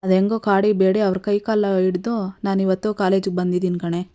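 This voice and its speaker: A woman's voice: mid-range voice, flat delivery, brisk, mellow, lightly acted. A woman voicing a tearful young college girl in love, pleading in her own plain storytelling voice. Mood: upset.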